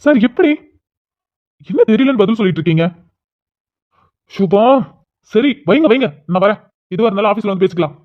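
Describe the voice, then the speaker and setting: Woman voicing a calm young man on a tinny line. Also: medium pitch, a little fast, pauses often, voice pushed down, close to an everyday voice. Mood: alarmed. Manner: reassuring, brushes off concern. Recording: tinny phone-like lo-fi sound.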